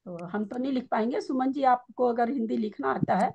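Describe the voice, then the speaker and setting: A woman's voice: a little high, a little fast, gravelly, mellow, husky, muffled recording. A woman teaching a scripture class in a casual, chatty way. She often restarts her sentences and explains with homely everyday examples.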